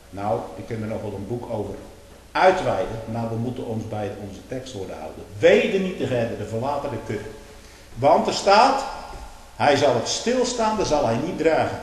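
An older man preaching a fiery sermon, swinging from hushed storytelling to loud, slow denunciation. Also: a little high. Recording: echoey hall with long reverb.

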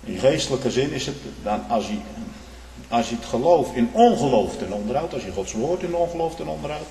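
A man's voice: mid-range voice, expressive, brisk, vocal fry, warm tone. A man preaching a sermon in an emphatic manner, often tagging his points with short questions and repeating himself. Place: church. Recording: echoey church hall with faint noise.

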